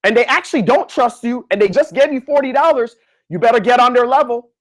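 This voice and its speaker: A man who is a physical therapist, giving a live online lecture in a slangy, animated way, talking straight to his listeners. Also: very high voice, fast. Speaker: physical therapist coaching students.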